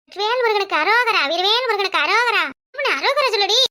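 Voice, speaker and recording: A woman voicing a bossy, devout village woman in a cartoon comedy, with a shrill scolding manner and a Kanyakumari Tamil accent. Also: fast talker, bright, forceful tone, exaggerated voice. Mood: possessed, commanding.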